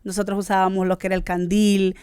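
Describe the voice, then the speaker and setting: A Honduran woman in her thirties with a Honduran Spanish accent, telling her faith testimony as a guest in an earnest way, often pausing with "este". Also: mid-range voice, flat delivery, a little mellow, clean tone, no echo, clean studio sound. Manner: earnest, searching for words with many "este" fillers. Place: studio.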